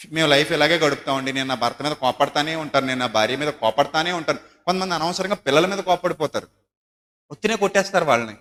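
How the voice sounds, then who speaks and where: Male pastor, bright forceful tone, long hall reverb, emphatic sermon style. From South India. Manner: emphatic, swinging from loud high exhortation to low soft asides. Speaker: preacher. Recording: echoey hall.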